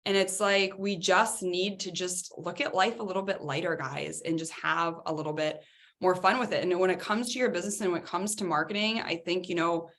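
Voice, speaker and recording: A woman co-hosting a podcast in casual chat, talking in an animated, chatty way with lots of fillers. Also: fairly low pitch, fairly quick. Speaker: podcast co-host.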